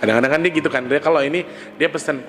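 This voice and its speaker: A man talking candidly in a casual confessional monologue, repeating himself and laughing softly now and then. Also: a little high, rapid-fire. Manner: candid, repetitive, with frequent soft laughs. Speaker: vlogger. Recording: long reverb with background music.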